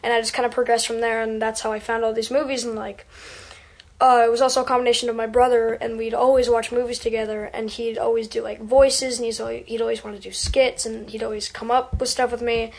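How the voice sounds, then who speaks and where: A woman's voice: on the high side, flat delivery, quick pace, creaky, darkish tone. A young woman, an actor in a web series, chatting in an upbeat way with lots of fillers during an interview. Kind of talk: casual interview chat.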